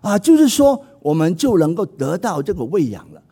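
A middle-aged man preaching a sermon, animated and acting out voices in his stories. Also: sits high, normal speed, slightly rough. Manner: animated, acts out quoted voices.

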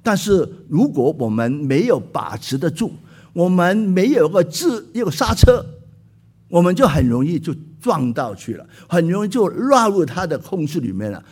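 Husky, lively preaching man. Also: on the high side, normal speed. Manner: emphatic, repeats key words, exclaims often. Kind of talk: sermon.

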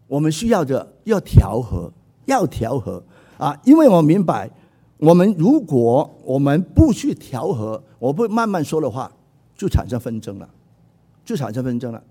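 Man, middle-aged, preacher, animated sermon, husky tone. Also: on the high side. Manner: animated, acts out quoted voices.

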